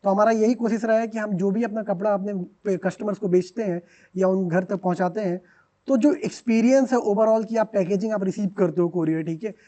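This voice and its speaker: A man, a startup co-founder, answering podcast interview questions in a steady explanatory way and mixing in English business terms. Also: high voice, brisk. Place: podcast studio.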